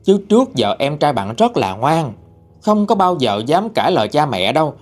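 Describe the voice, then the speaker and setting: A man's voice: on the high side, sing-song, normal speed. A man telling a ghost story in a casual, conversational way.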